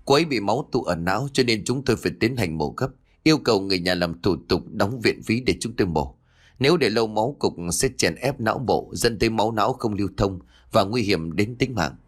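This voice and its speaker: A man reading a story aloud and voicing a hospital doctor who speaks briskly and tensely. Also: fairly low pitch, expressive.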